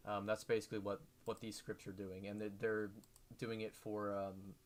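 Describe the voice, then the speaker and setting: A man talking through a casual coding tutorial, halting with many fillers and self-corrections. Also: on the low side, level tone. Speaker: modding tutorial host. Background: background music.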